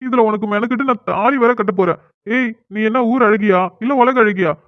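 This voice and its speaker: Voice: mid-range voice, a little fast, close to an everyday voice. A whiny, sulking young cartoon husband, as a performer plays him. He pleads and complains in a middling voice. The sound is tinny and phone-like, with no room echo. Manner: whining, pleading. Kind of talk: cartoon dialogue.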